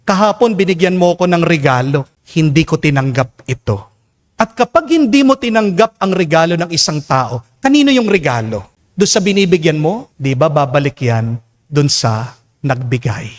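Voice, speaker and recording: Filipino male priest, emphatic homily delivery, lively sweeping pitch. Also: moderate pace. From Philippines. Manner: emphatic preaching, mixing in English, often calling out "Amen?" to the congregation. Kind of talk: homily at Mass. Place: church during Mass.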